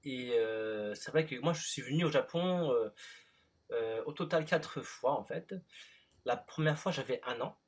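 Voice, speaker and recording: A man from France in his thirties, interviewing a guest in relaxed chat with lots of fillers. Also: medium pitch, unhurried, breathy edge. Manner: relaxed, many fillers and short backchannels.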